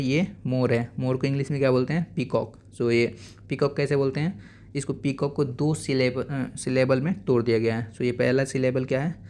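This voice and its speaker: A man teaching an English lesson for young children in Indian English, mixing Hindi and English and repeating each word slowly. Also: mid-range voice, a little mellow, a little hiss or hum. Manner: repeats words slowly and drawn out. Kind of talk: classroom lesson explaining English words.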